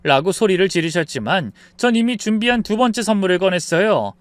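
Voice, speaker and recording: A man reading a scripted first-person story as narrator, in a lively expressive manner. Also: high-pitched, brisk, no room sound.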